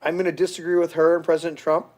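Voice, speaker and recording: A man's voice: fairly high pitch, little pitch movement, very fast. A middle-aged man hosting a podcast, ranting heatedly and crudely with frequent restarts. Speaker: podcast host. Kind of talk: casual profane rant.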